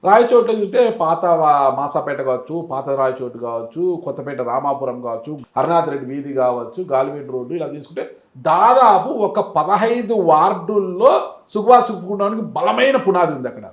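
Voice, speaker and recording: A man interviewing a politician, pressing him with rapid follow-up questions. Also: fairly high pitch, expressive, roomy sound, dull audio.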